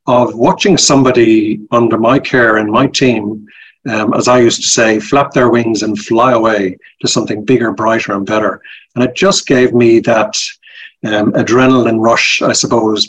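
As an interview guest in a casual chat, a middle-aged Dublin-accented Irishman who directs a company talks in a rambling, halting way, full of ums and false starts. His medium-pitched voice is slightly rough, and the highs are cut off.

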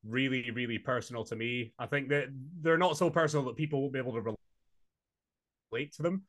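A young adult man from Scotland with a Highland Scottish accent, chatting casually as an interview guest. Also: fairly quick, fairly bright tone. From Inverness, Scotland. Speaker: podcast guest, singer-songwriter.

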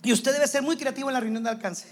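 A man preaching a sermon to church leaders, animated and playing out quick scenes in other voices. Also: very high-pitched, slight background noise. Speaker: pastor.

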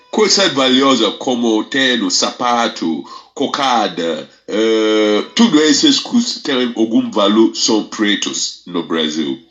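A man giving a spoken monologue that explains word origins, often checking in with his listener and spelling words out slowly. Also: on the low side, fairly bright tone, lo-fi sound.

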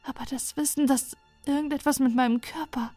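A fearful young alien weaver woman, as a woman reader puts her on, speaks in a raised, pleading voice that trembles with despair. The recording is dry and close, with soft music running under the storybook reading. She sounds hopeless and close to breaking. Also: fairly high pitch, moderate pace, no room sound, voice pushed up, lightly acted.

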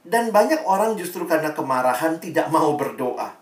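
A man preaching to young people in a relaxed, conversational way, dropping English Bible phrases into his talk. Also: fairly high pitch, normal speed. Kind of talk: sermon. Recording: echoey room, mic at a distance.

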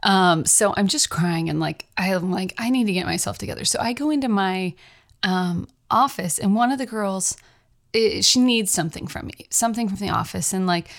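A woman's voice: medium pitch, expressive, normal speed. Chatty young woman podcaster. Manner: chatty, rambling, laughs often. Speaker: podcast host, writer. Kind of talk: casual personal monologue.

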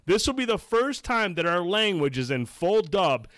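A man hosting a casual livestream, excitable and quick to swear. His voice sits a little high. The sound is dry and close, with no room around it. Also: dry recording. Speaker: show host.

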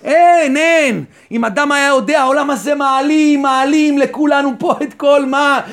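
A man's voice: very high-pitched, fairly even intonation, fairly bright tone. A male rabbi giving a Torah sermon, asking rhetorical questions and answering them himself, and repeating key phrases for emphasis.

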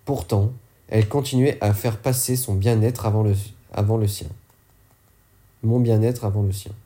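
Mellow-voiced man reading an audiobook. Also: lowish voice, moderate pace. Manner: steady reading with occasional self-corrections. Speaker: audiobook reader. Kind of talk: audiobook narration.

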